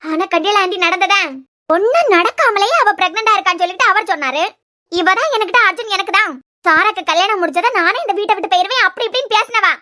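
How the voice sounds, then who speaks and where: A woman's voice: very high-pitched, lively intonation, fast talker, pushed and bright, full character voice. A woman voicing a scheming, spiteful young woman who sneers as she gossips, in a Kanyakumari Tamil accent, in a cartoon serial. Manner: sneering, indignant.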